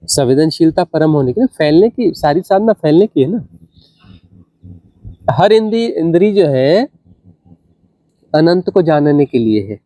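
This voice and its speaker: A man, a spiritual teacher, gives an unhurried discourse, repeating phrases for emphasis and asking rhetorical questions. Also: on the high side, very animated, warm tone, no room sound.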